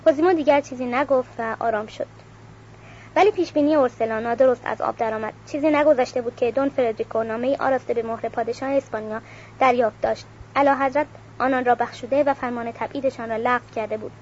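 A woman reading a novel aloud at a measured pace, announcing page numbers, on a dull recording with faint hiss. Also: a little high, darkish tone. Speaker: audiobook reader.

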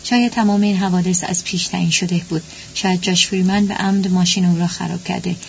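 Gravelly woman narrating a story. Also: lowish voice, fairly even intonation. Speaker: audiobook narrator. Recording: dull lo-fi with faint hum.

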